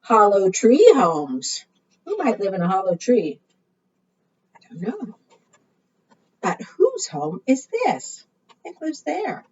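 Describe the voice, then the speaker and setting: Her medium-pitched voice, a little mellow and slightly rough, swings hugely in pitch as she reads slowly with long pauses. She is a librarian doing preschool storytime in a sing-song way, often asking her young listeners questions. The audio is muffled and the microphone distant.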